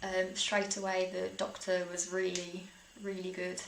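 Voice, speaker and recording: Unhurried, creaky and monotone, a young British woman's fairly low voice carries personal stories told to camera as a vlogger might. She keeps things chatty and informal, with small laughs through her sentences. Expect a roomy echo and faint background noise.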